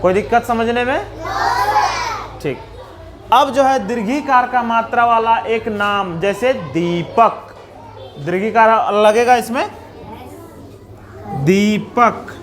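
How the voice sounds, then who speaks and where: Bihari-accented man, primary-school teacher, slow and patient, breaks words into single sounds. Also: very high-pitched, fairly bright tone, slight background noise. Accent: Bihari Hindi. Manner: patient, spells out letters and sounds one by one. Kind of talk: slow classroom explanation for young children.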